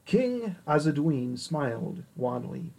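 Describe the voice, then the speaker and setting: Calm husky male storyteller. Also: on the high side, rough recording. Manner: calm, measured reading. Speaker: narrator. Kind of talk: scripted story narration.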